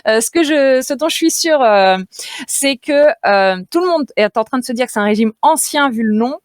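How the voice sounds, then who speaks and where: A woman's voice: high-pitched, expressive, moderate pace, no room sound, clean studio sound. A woman dietitian speaking on a radio show, chatty and playful, with many fillers and easy laughter. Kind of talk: radio nutrition segment, lively explaining. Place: radio studio. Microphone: studio radio mic.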